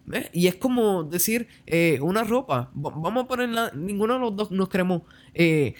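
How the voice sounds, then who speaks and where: A man's voice: high-pitched, expressive, normal speed. Man explaining with constant tag questions. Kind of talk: conversational theological discussion.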